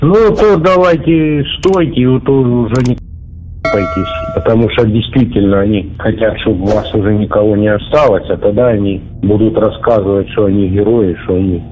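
A man speaking to his soldier son, heard over a radio intercept of a phone line, calm and giving firm advice. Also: lowish voice, moderate pace. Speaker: father of a soldier. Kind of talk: private phone call.

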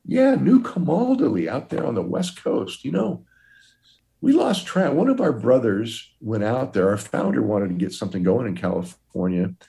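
A man putting on the voice of an excited older male priest in a story, eager and amazed. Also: moderate pace, vocal fry. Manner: eager, amazed, high-pitched.

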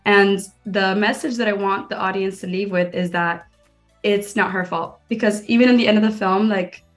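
A woman's voice: mid-range voice, steady tone, normal speed, soft background music. A young woman from Miami, a guest filmmaker and stand-up comedian, chatting casually in an interview and filling her sentences with "like". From Miami, Florida. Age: young adult. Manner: chatty, lots of "like" fillers.

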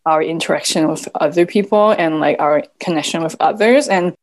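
A woman whose first language is Cantonese speaks as a podcast guest in a reflective conversation. Her low voice moves at a moderate pace; she is thoughtful and soft-spoken, using many "like" fillers and laughing quietly.

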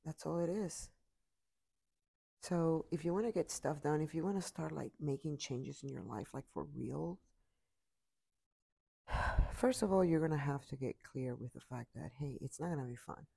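A woman's voice: low voice, moderate pace, gravelly, pauses often, dark tone, husky. A tired woman giving an earnest, repetitive motivational talk into her computer mic.

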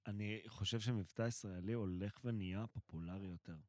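A man chats as a podcast guest. His voice is on the low side and recorded dry, without room sound. He is informal and joking, dropping English phrases into his talk. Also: fairly even intonation, darkish tone, no echo. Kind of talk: casual podcast chat.

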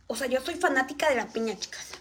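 A woman's voice: high voice, animated, quick pace, fairly bright tone, slight background noise. A woman with a Mexican accent chatting to viewers while eating on a live stream.

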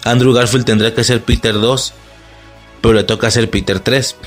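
A man with a Mexican accent recaps a film in a loose, profane, casual way. He sounds worked up and laughs easily. Faint music plays softly behind him. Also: medium pitch, moderate pace. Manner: excitable, swears a lot, laughs often. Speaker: movie reaction vlogger.

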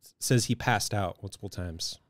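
A man's voice: fairly low pitch, normal speed, no room sound, clean studio sound. A man co-hosting a casual podcast, talking loosely with lots of fillers and trailing phrases. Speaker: podcast co-host. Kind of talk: casual chat.

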